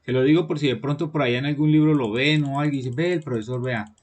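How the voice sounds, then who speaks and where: A man's voice: fairly high pitch, steady tone, fast talker, darkish tone. A man, teaching an online class to children, patiently explaining and often checking that they follow. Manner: patient, repeats "¿listo?" to check understanding.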